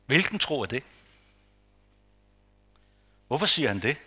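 A man preaching a sermon, rhetorical and repetitive for emphasis, sometimes dropping to a hushed near-whisper. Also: mid-range voice, sing-song, breathy edge. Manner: rhetorical, repeats phrases for emphasis. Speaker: pastor.

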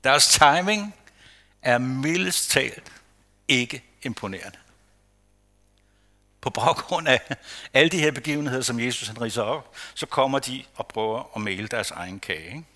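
Man, pastor, sermon, bright clear voice, dramatic swings down to a hush. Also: mid-range voice, animated, pauses often. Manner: dramatic dynamics, dropping to a hushed near-whisper; rhetorical, repeats phrases for emphasis.

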